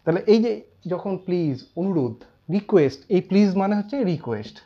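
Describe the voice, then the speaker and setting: English teacher guy, fairly high voice, dull lo-fi sound, repeats stuff slowly. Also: lively intonation. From India. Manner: explains slowly, repeats terms, quotes example sentences. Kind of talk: classroom grammar lesson.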